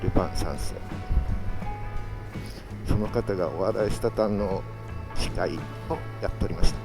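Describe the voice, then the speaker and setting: A solo motovlogger chats casually while riding, speaking from inside a full-face helmet into an action camera fitted with an external mic adapter. His lowish, gravelly voice moves at normal speed, with music underneath and poor audio quality.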